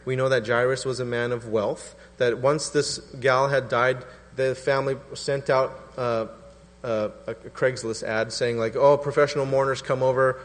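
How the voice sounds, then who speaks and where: A man in his thirties preaching a sermon in a relaxed, conversational way, acting out quotes in different voices. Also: medium pitch. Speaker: pastor. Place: church hall. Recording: reverberant church hall.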